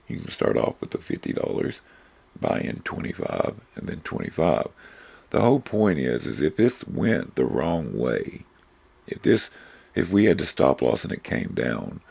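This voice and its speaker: A man giving a casual, rambling lesson on reading stock charts, hoarse because he is losing his voice, with loose phrasing and frequent self-corrections. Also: rumbling low, a little mellow. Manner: informal, rambling, many fillers and self-corrections. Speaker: trading instructor.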